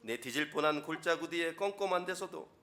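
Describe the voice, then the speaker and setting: A man's voice: lively intonation, a little fast. A man putting on a boisterous Gyeongsang-dialect speaker with a raised, laughing voice in a sermon. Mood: playful. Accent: Gyeongsang dialect, put on. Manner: pitched up, loud and laughing.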